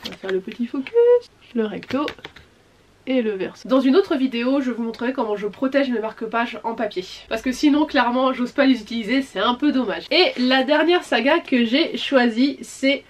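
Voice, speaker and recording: Chatty French-speaking woman, high-pitched. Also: moderate pace, distant mic. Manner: chatty, enthusiastic, apologetic asides. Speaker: manga vlogger. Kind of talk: casual unboxing vlog.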